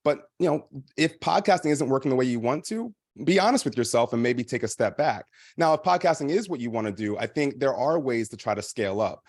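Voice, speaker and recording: A man's voice: medium pitch, expressive, fairly quick, darkish tone, dry recording, studio quality. A man, the founder of a podcast company, speaking on a panel and explaining practical tips at length with frequent fillers. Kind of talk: panel discussion advice.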